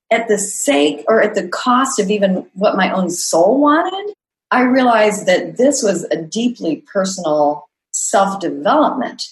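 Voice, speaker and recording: A middle-aged woman coach speaks in an earnest, reflective way, often listing traits in a measured cadence. Her voice sits at an ordinary middle pitch for a woman. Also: poor audio. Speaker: executive coach. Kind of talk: podcast interview answers.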